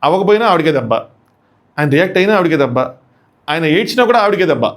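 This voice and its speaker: A man chatting casually through a review of a reality show episode, animated and acting out contestants' lines. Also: a little high, fast. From India.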